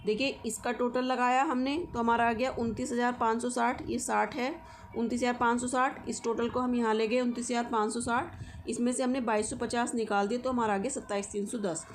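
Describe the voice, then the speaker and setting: High-voiced woman teaching accounts. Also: flat delivery, a little fast, slight background noise. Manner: explains step by step with frequent check-ins. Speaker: commerce teacher. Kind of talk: accounting lesson walkthrough.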